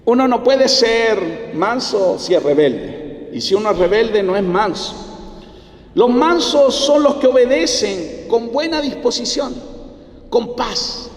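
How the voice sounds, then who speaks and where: A Chilean man preaching a sermon as pastor, with dramatic pauses and acted-out quotes. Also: very high-pitched, animated. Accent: Chilean Spanish. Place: church hall. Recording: echoey church hall.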